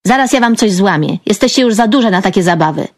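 A woman's voice: medium pitch, animated, fast, darkish tone, dry recording, clean studio sound. A woman reading an audiobook, voicing a strict middle-aged mother who scolds her daughters. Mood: stern. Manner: scolding, commanding.

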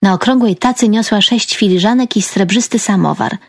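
A woman's voice: mid-range voice, fairly quick, no room sound. Woman narrating in a dry, close voice. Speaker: audiobook narrator. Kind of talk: scripted narration.

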